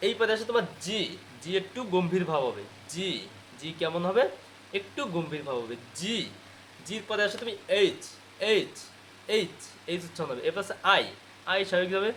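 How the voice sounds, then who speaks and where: A man's voice: sits high, animated, brisk, fairly bright tone, slight background noise. A man giving a spoken lecture on English pronunciation, asking each point as a question and answering it himself.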